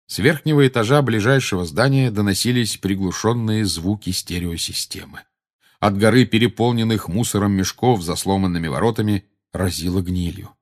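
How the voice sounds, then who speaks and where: A man narrating an audiobook in a measured storytelling manner. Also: on the low side. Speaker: audiobook reader. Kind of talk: scripted narration.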